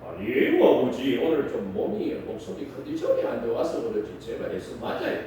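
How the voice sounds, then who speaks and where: A man's voice: mid-range voice, wildly swooping pitch, a little fast, warm tone, a little hiss or hum, voice pushed down. A man voicing a timid young son in a retold Bible story, whiny and pleading. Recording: echoey church hall, distant mic.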